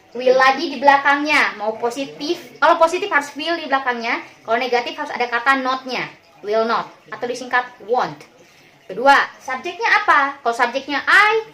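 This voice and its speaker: A woman teacher with a high, light voice leads a simple online lesson for young pupils. She speaks patiently, repeats each point, and addresses the children kindly. English example sentences run through her explanations. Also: fairly bright tone.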